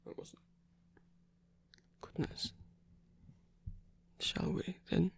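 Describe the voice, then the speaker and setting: The character is a tender male rock frontman, flirtatious but easily flustered, performed in a hesitant, halting, husky whisper for an intimate ASMR romance roleplay. There's no room sound, and the mood comes across as playful and shy.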